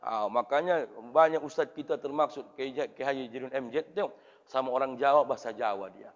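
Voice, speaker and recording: Preacher, male, animated and theatrical, echoey muffled hall. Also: mid-range voice, a little fast. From Indonesia. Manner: animated, swings loud and soft, acts out voices. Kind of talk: lively mosque sermon. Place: mosque. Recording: reverberant hall through dull PA sound.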